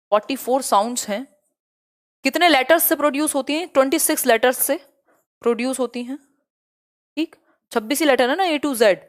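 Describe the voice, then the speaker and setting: A young woman teaching an online exam-prep lecture, brisk and chatty, mixing in English terms. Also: on the high side.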